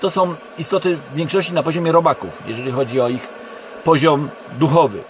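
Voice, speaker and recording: A Polish man giving a rambling monologue to camera from inside a car, speaking haltingly and often correcting himself. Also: fairly high pitch, poor audio. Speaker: online video creator. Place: inside a parked car in a forest. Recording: constant background noise in a car. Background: steady background hum.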